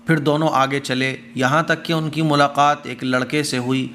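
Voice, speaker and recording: A man's voice: mid-range voice, level tone, sharp tone, a little hiss or hum. A man delivering a religious commentary, explaining verses in a conversational teaching manner. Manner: reciting verses slowly then explaining them conversationally. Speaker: Quran commentator.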